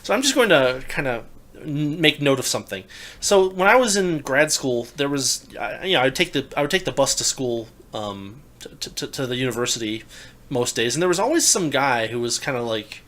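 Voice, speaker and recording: A young adult man in casual political talk, animated and incredulous, often restarting his sentences. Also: medium pitch, brisk. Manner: animated, rising to loud incredulous emphasis; restarts and stammers mid-sentence. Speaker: podcast co-host.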